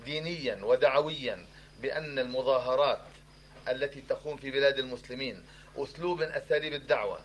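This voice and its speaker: A man argues in a heated group discussion, talking quickly and pressing his point again and again. There is a faint noise under his voice. His pitch sits in an ordinary middle range. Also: low-quality recording. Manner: argumentative, insistent, repeats himself to press a point. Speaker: questioner in a religious discussion.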